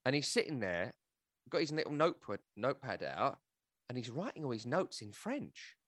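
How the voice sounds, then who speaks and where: A man hosting a football podcast, talking in an animated, joking and scathing way. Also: medium pitch, moderate pace, no room sound, clean studio sound. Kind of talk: casual football chat.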